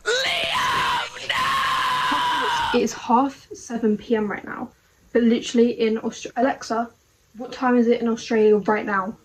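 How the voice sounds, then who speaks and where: A woman's voice: on the high side, little pitch movement, moderate pace, noisy background. A young woman talking to camera in a casual, rambling video diary, puzzled and full of rhetorical questions.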